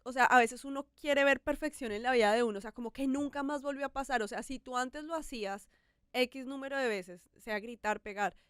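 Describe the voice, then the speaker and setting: A woman's voice: sits high, a little fast, a bit bright, clear, resonant tone, dry recording, clean studio sound. A woman hosting a podcast, talking candidly and with animation about her own life. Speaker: podcast host. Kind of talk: casual podcast conversation.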